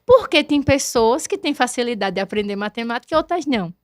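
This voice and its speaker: A woman in her forties speaks with a slightly high voice on a dry, close studio mic. She tells her story in an animated way, acting out the voices she quotes. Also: brisk, dry recording. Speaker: guest, math teacher and neuroscience educator. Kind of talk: conversational podcast interview.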